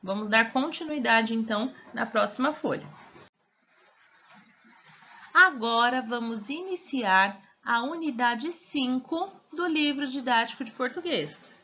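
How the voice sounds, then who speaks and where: A woman teaching a remote primary school class, speaking slowly and patiently and stretching out syllables. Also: a little high, bright, forceful tone. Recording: dull lo-fi audio.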